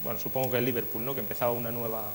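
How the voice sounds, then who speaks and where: A man with a Spanish accent from Spain hosts a football history show, talking conversationally through results and match action. His mid-range, darkish voice is flat and rapid-fire, and the recording is noisy with electrical hum.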